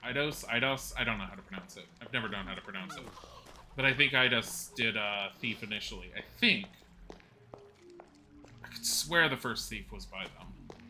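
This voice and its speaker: A man in his forties streams and chats casually with viewers while he plays, rambling and laughing at his own mishaps. His voice is fairly low in pitch, animated, pushed and bright, at a moderate pace.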